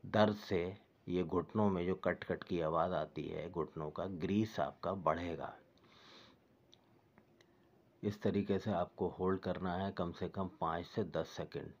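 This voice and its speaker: A man calmly explaining knee exercises step by step, as a fitness instructor. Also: deep voice, dull audio. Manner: patient, repetitive step-by-step guidance.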